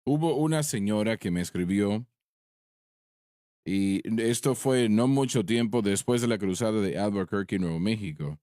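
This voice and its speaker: Man, preacher, low voice, dry close sound, slow deliberate storytelling, pauses and restarts. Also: expressive, mellow, no room sound. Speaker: preacher on a ministry panel. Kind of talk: sermon-style storytelling in a panel discussion.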